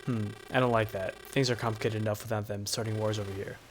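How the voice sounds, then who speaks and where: A man's voice: on the low side, fairly even intonation, fast talker, slight background noise, voice pushed down, natural voice. A man reading a wary, lecturing president. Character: cautious middle-aged male president.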